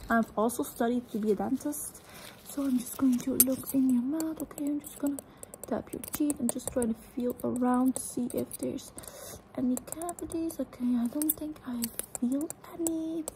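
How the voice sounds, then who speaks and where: A young woman doing a fast ASMR role-play as an examining doctor, murmuring short, repeated phrases in a hurried way. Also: high-pitched, fairly even intonation, warm tone. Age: young adult. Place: indoors, small room at home. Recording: clearly noisy close recording with clicks.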